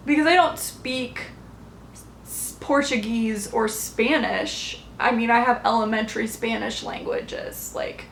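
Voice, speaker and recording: A woman hosting a knitting podcast, chatting casually and rambling with lots of fillers and restarts. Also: fairly high pitch. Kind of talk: casual chat showing yarn haul. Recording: echoey room, faint background noise.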